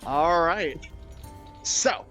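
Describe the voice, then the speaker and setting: A man's voice: a little high, very slow, fairly bright tone, soft background music. A man narrating as game master, explaining rules in a hesitant, politely roundabout way.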